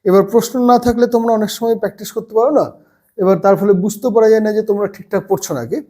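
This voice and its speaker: Patient teacher drilling a class. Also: male voice, sits high, steady tone, dark tone. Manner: slow, patient word-by-word drilling. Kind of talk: children's reading lesson. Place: seated at a table.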